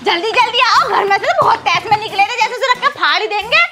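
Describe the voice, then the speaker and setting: A woman's voice: extremely high pitch, lively intonation, quick pace, loud music behind the voice. A woman playing a feisty, quarrelsome village wife in a comedy skit. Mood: pleading. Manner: loud, quarrelsome, dramatic. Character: feisty young village wife, sharp-tongued.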